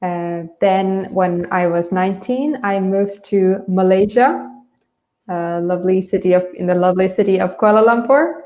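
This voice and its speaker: A woman from Bangladesh who grew up in Dhaka hosts an online English lesson as a teacher, explaining things informally and with some hesitation. Her medium-pitched voice is steady and her speed normal, while the sound is lo-fi, roomy and echoey.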